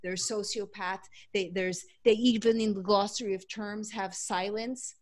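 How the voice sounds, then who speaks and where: A woman being interviewed as a guest, talking bluntly and animatedly with quick asides. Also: mid-range voice, fairly even intonation, a little mellow. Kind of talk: casual conversational interview.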